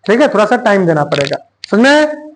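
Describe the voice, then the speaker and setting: A male teacher giving a grammar lesson, dictating slowly and repeating phrases word by word. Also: high voice, big pitch swings, a little hiss or hum.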